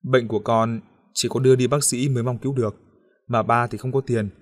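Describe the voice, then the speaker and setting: A man reads as a scheming middle-aged father in an audio novel, his voice pitched at an ordinary male middle. He sweet-talks and wheedles, with a low threat never far off. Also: steady tone, brisk, lightly acted. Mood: coaxing. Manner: coaxing and wheedling, turning to harsh threats.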